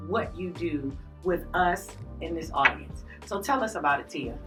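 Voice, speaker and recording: A woman hosting a podcast, greeting her audience and guests in an animated, drawn-out way with playful asides. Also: fairly low pitch. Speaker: podcast host. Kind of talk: enthusiastic podcast welcome and interview. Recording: distant mic with faint music behind.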